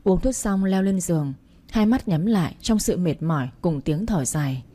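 Low, husky woman reading a sad story. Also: expressive, warm tone. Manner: slow, sorrowful, emotional reading. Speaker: audiobook narrator. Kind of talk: scripted narration of a sad story.

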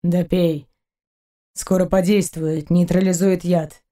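A gruff, grumbling space pirate, as a woman reader puts him on, his voice pushed low and dark. He talks brashly and is never rattled. It is a storybook reading. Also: level tone, slow pace.

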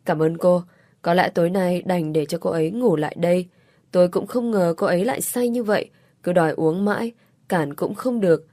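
A woman's voice: on the low side, a little fast, dark tone, no echo, studio quality, lightly acted. A woman reading an audiobook story, voicing a considerate young man who speaks patiently and placatingly. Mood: calm.

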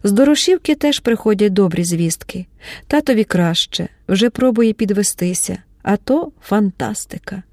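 Woman reading a novel aloud, calm and measured, warm dark voice, dry sound. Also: medium pitch, no echo. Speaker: audiobook narrator. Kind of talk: scripted literary narration.

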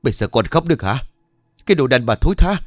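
A man voicing a bad-tempered young father who scolds his wife in a gruff manner. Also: low-pitched, lively intonation, brisk, no room sound, studio quality, soft background music. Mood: furious.

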